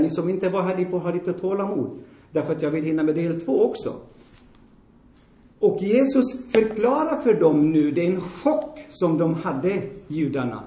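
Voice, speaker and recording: A man preaching a forceful sermon in a blunt, emphatic way. His voice sits high for a man yet sounds mellow and dark in tone. A roomy, echoing church hall surrounds him. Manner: blunt, emphatic, repeats for stress; addresses the congregation with questions.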